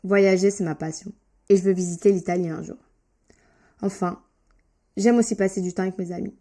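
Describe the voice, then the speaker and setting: A woman with a mellow, warm voice reads a short beginner text for language learners. She takes each word carefully and articulates it clearly, stopping now and then for a quick explanation, like a teacher guiding a class. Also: mid-range voice, steady tone. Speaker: French teacher. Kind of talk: reading a beginner lesson text aloud, with asides.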